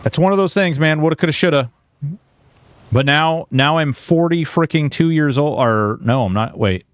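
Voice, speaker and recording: His voice on the high side, an early-forties man streams a game and chats casually with his audience. The talk is halting, informal and self-deprecating, sprinkled with mild swearing.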